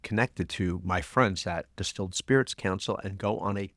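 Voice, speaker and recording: A man's voice: sits low, moderate pace, fairly bright tone, no echo, clean studio sound. A man co-hosting a podcast, chatting in a rambling way during a drink tasting. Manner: rambling, restarts often. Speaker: podcast co-host. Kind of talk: casual chat, taste-testing drinks.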